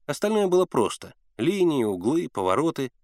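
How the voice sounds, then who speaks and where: A man reading a children's novel aloud as an expressive audiobook narrator. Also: on the high side, moderate pace, dry recording, studio quality. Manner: expressive, animated storytelling.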